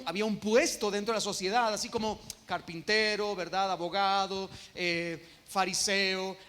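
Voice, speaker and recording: A man with a Guatemalan Spanish accent preaching an expository sermon as pastor, emphatic and slowing down on key phrases. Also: sits high, a bit bright. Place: church sanctuary. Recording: long reverb of a church hall.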